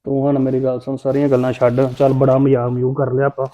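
A man's voice: medium pitch, monotone, quick pace, dark tone, highs cut off. A man with a Punjabi accent playing a boastful, teasing brother in a family drama. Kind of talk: Punjabi web-series acting.

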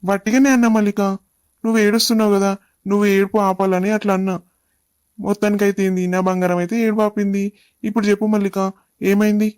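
A woman acts a doting young husband in a comedy skit who coaxes his wife affectionately and is quick to take offence. She speaks quickly in Telangana Telugu at an ordinary pitch. The recording is close and dry. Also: flat delivery, a little mellow, no echo, natural voice. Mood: coaxing. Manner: coaxing, affectionate, then indignant.

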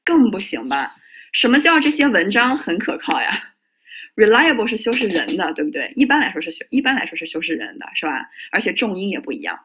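Lively male English teacher, husky. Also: high-pitched, brisk, lo-fi sound. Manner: lively, joking, asks the class questions. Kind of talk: exam listening lesson.

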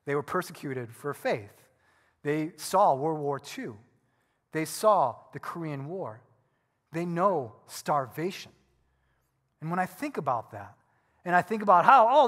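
Middle-aged male pastor, fairly high voice, earnest sermon delivery, church hall reverb. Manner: earnest, swings between soft reflection and loud animated bursts. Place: church sanctuary.

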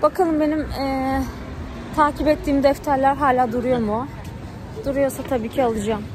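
A young adult woman casually narrating her shopping trip in a low-key way into a handheld phone. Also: fairly even intonation, moderate pace. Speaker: vlogger. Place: shops and streets at night. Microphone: phone held at arm's length. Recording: noisy handheld phone recording, shop and street ambience.

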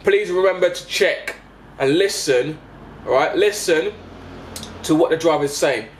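Inside a parked double-decker bus, a young man in his 20s talks to passengers in a relaxed vlog about driving the bus. He stumbles and repeats himself, tossing in frequent check-in tags, in a voice that's a little high. The handheld camera, held at arm's length, also picks up background vehicle noise.

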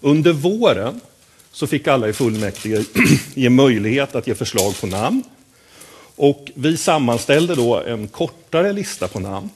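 A man, vice chair of a board, explaining a process at a press conference in a halting way with frequent filler sounds and throat clearing. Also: mid-range voice, big pitch swings, slight background noise.

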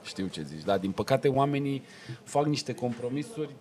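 Brief: male podcast host, mid-pitched, easygoing interviewer. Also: expressive, a little mellow. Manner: brief agreeing replies and follow-up questions. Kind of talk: casual interview chat.

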